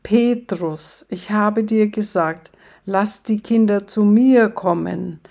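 A woman voicing a calm, laid-back man with a sly edge, speaking in a low and measured way. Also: creaky.

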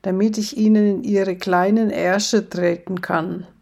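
A woman voicing a calm, laid-back man with a sly edge, speaking in a low and measured way. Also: gravelly.

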